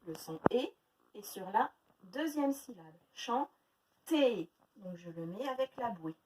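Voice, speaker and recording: A woman teaching a phonics lesson to young children, sounding out words slowly syllable by syllable. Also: mid-range voice, animated, darkish tone, far from the mic, rough recording. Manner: slow, exaggerated syllable-by-syllable pronunciation. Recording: faint noise, voice a little off-mic.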